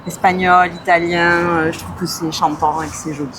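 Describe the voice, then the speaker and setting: A woman's voice: on the low side, little pitch movement, normal speed, background noise. A woman answering a street interview casually, with hesitations. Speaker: passerby.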